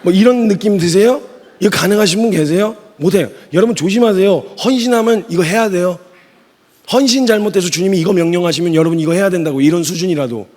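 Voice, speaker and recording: Male missionary preacher, high husky voice, lively and joking, acts out lines, big church hall with long reverb. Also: fast. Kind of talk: sermon at a youth retreat.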